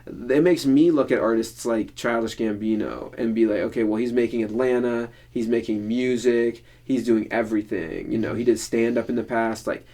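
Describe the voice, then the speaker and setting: A man's voice: mid-range voice, moderate pace, hardly any pauses, mellow. A young man co-hosting a podcast in casual chat, rambling with lots of filler words. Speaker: podcast co-host.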